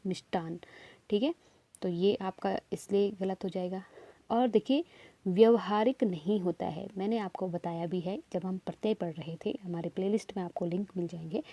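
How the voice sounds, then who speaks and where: A woman's voice: medium pitch, mellow, no echo. A woman teaching a Hindi exam-prep lesson, explaining step by step and often checking that students follow.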